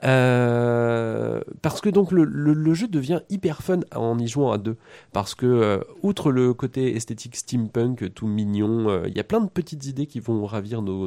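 A man's voice: medium pitch, mellow. A man with a cold, a video game columnist on a radio show, talking casually with lots of fillers and repeated words. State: has a cold. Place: radio studio.

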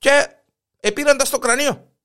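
A man with a Cypriot Greek accent hosts a jokey gossip news segment, telling stories with animation. His voice is very high and fairly bright, suited to comic gossip chat.

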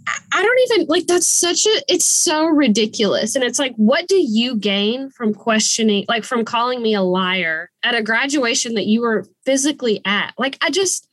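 A woman in her late twenties co-hosting a podcast, telling a story in loose, animated chat full of swearing and "like". Her voice sits a little high, and the sound is dry and close with no room echo. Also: moderate pace. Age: late 20s. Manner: animated, profane, many "like" fillers, frequent laughs. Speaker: podcast co-host.

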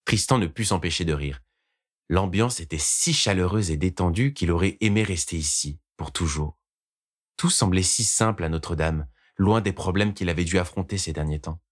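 A man narrating a scripted audiobook story in a calm storytelling manner. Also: sits low, normal speed.

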